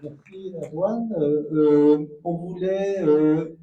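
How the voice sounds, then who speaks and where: A man thanking sponsors at an event, halting and repeating words. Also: on the high side, steady tone, slight background noise. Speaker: co-president of the tournament. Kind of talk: thank-you speech. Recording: dull, echoey hall from far off.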